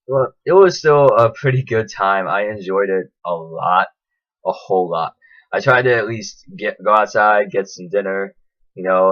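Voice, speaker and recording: A man's voice: low voice, a bit bright, no echo, dull audio. A man vlogging a casual day recap, rambling along with fillers and restarts.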